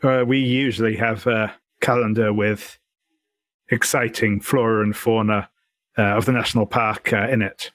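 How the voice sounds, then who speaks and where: A man's voice: fairly low pitch, steady tone, normal speed, fairly bright tone, no echo, lightly acted. A man voicing an oblivious, mild-mannered park ranger who talks earnestly with hesitant stammers, in a tabletop role-play.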